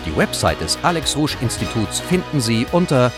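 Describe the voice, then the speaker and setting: Male podcast outro announcer over music, lively intonation. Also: mid-range voice, normal speed. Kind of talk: scripted announcement.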